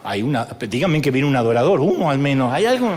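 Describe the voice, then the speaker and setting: A man's voice: mid-range voice, sing-song, quick pace, darkish tone. A middle-aged man with an Argentine accent preaching a humorous sermon to a live congregation, mimicking church members and joking with the crowd. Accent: Argentine Spanish.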